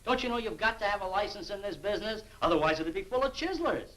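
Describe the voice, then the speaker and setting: A man's voice: high voice, expressive, quick pace, a bit bright. An actor playing a brusque, sarcastic businessman boss in 1940s film style. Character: brusque, grudging, sarcastic businessman boss interviewing a job seeker. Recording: noisy vintage 1940s film soundtrack.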